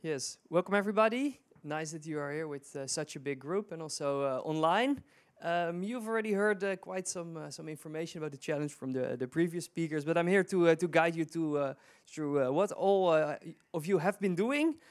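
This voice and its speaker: A man with a fairly high voice presents a live online event. He talks off the cuff and halts often, restarting his sentences as he goes. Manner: halting, many fillers and restarts. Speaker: presenter of the challenge.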